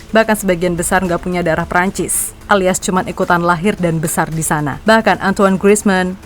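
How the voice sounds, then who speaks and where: A woman reading football news as a scripted narration, chatty and opinionated. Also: mid-range voice. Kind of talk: scripted narration with casual asides.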